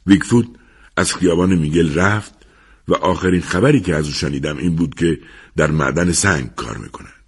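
A man reading a story aloud as narrator, in lively storytelling. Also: sits low, breathy edge. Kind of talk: scripted audiobook narration.

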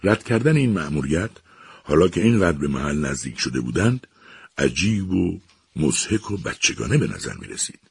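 A man narrating a story in a measured, expressive reading. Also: extremely low pitch, vocal fry, husky, dry recording, studio quality.

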